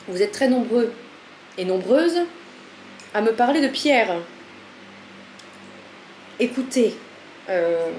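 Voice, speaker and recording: A woman with a fairly high, darkish voice films a casual daily vlog in her home kitchen, chatting in a frazzled, self-mocking way and talking to her cat again and again. The kitchen is echoey, with faint room noise in the background.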